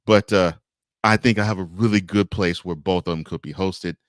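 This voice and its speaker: A man with a low, deep voice hosts a casual live morning show and reads viewer comments aloud. He is chatty and laughs often, and the sound is dry with little room echo. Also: fairly even intonation, normal speed. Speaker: host of a morning variety show.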